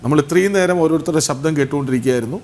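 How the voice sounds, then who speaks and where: Male TV host; slightly raised pitch, effusive and formal, praising the guest. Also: rapid-fire, darkish tone. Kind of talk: television interview hosting.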